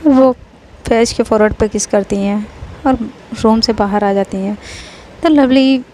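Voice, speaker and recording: A woman narrating a romance story in a casual, unhurried way, pausing often. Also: fairly high pitch, dark tone, a little hiss or hum, low-quality recording. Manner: plain, unhurried retelling with pauses.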